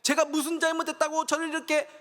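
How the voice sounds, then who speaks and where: A man's voice: monotone, quick pace, fairly bright tone, in a large hall. A man voicing a wronged male talking donkey that pleads with its master, as a sermon story. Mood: pleading. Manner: high, whiny pleading.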